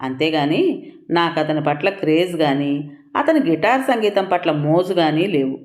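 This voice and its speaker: A woman's voice: low-pitched, expressive, unhurried, darkish tone, echoey room. A woman voicing a sarcastic, status-hungry young woman. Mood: scornful. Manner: mocking, unapologetic.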